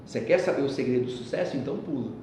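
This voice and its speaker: A man voicing a calm, patient old sage who speaks slowly, low and quietly. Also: lightly acted. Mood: calm, firm. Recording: echoey hall with faint rumble.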